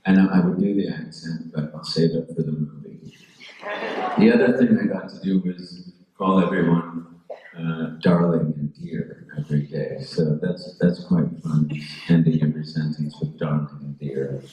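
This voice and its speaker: Deep-voiced man in a booming hall. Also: steady tone, normal speed, muffled recording, background noise. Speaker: actor on a panel. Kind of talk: conversational Q&A answers. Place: large echoey school hall. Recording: very echoey hall.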